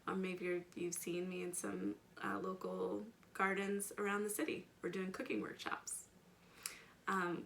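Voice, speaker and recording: Reading a children's picture book aloud, a woman with a medium-pitched, fairly bright voice stresses the important words. She's a children's educator at storytime, addressing her young listeners directly with simple questions and friendly asides.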